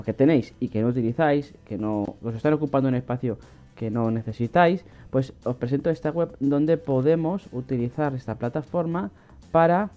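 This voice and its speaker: A man giving a casual screen-recorded walkthrough of a website, with frequent fillers and restarts. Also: medium pitch. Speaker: online money-making channel host. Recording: slightly dull lo-fi audio with faint music.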